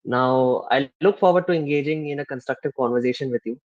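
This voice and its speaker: A man's voice: medium pitch, fast, darkish tone. A man from India, giving an eager, flowery self-introduction as a debate delegate on a video call. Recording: dull lo-fi call audio.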